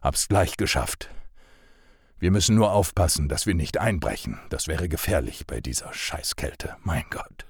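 A man's voice: rumbling low, big pitch swings, measured pace, husky, dry recording, studio quality, exaggerated voice. A man voicing a stubborn older male professor who grumbles and mutters curses.

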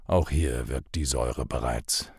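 A man's voice: extremely low pitch, unhurried, darkish tone, breathy edge, dry recording, studio quality, voice pushed down, full character voice. A man voicing a stubborn older male professor who grumbles and mutters curses. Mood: grim.

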